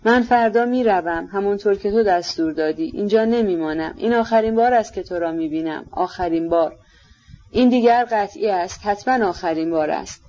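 A reader voicing a desperate young woman who asks rushed, anxious questions, in a slightly dull recording. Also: medium pitch, a little mellow, close to an everyday voice. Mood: pleading.

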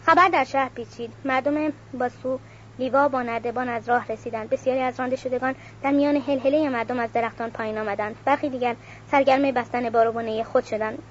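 A woman reading a novel aloud at a measured pace, announcing page numbers, on a dull recording with faint hiss. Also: a little high, fairly even intonation. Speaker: audiobook reader.

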